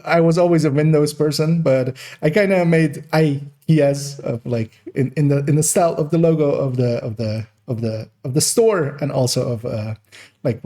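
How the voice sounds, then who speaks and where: A young gaming YouTuber, born in Iran and raised in the Netherlands with Farsi as his first language, speaks with a mixed Persian, Dutch and American accent. His warm voice leans high, and he rambles through a Q&A monologue for his channel, full of fillers and restarts.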